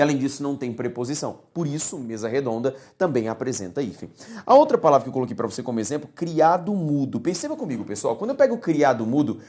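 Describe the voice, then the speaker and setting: A man with a Brazilian Portuguese accent teaching a recorded online grammar lesson, animated and often checking in with his students. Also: mid-range voice.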